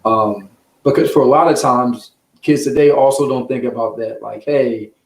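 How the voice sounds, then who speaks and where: The guest here has a gravelly, medium-pitched voice and a moderate pace. An American who writes children's books and works as a sports journalist, he responds to interview questions in an earnest, conversational, explanatory way, with echoey room sound behind him.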